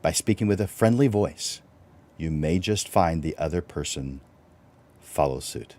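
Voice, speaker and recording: Speaking at a measured pace, the host of this live-stream lesson has a low voice. His talk is easygoing and conversational, with fillers and false starts along the way.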